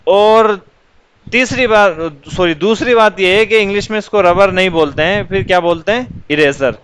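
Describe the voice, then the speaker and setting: High, smooth-voiced male teacher. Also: a bit bright, rough recording. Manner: patient, asks questions and answers them himself. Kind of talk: explaining English words to children.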